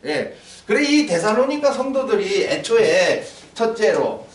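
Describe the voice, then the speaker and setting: A man preaching a sermon in church, animated, acting out little dialogues and quizzing his congregation. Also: sits high, measured pace. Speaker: pastor. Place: church sanctuary. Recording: echoey hall, mic from a distance.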